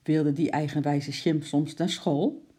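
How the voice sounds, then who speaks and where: Storybook narrator, dark husky tone with gravel, calm read-aloud pacing. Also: mid-range voice, takes it slowly. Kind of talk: reading a children's story aloud.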